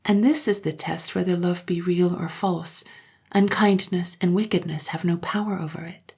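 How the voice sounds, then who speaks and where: A woman voicing a gentle, sorrowful mother who speaks softly and slowly. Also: fairly low pitch, fairly even intonation, vocal fry, slightly rough. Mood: tender. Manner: soft and slow.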